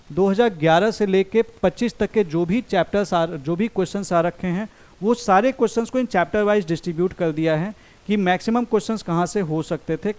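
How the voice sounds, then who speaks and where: Young guy coaching for a big exam, pretty high voice, reads exam lines slow then talks fast. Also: darkish tone. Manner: reads out exam statements slowly, then explains briskly. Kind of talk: strategy lecture mixing Hindi and English.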